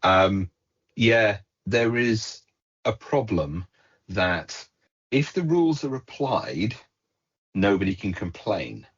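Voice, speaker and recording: A man co-hosting a casual podcast chat, measured, with dry punning asides. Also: on the low side, expressive, slightly rough. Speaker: podcast co-host. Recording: dull lo-fi podcast audio.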